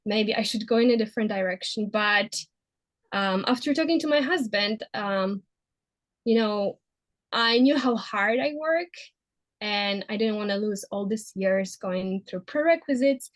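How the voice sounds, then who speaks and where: A woman's voice: mid-range voice, unhurried. Polish-accented woman, hesitant guest. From Poland. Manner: hesitant, many fillers and restarts. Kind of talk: casual interview.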